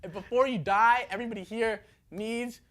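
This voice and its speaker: A young man from Ohio co-hosting a casual chat, rambling with lots of fillers and getting riled up and loud. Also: high-pitched, steady tone, moderate pace. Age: young adult. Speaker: co-host.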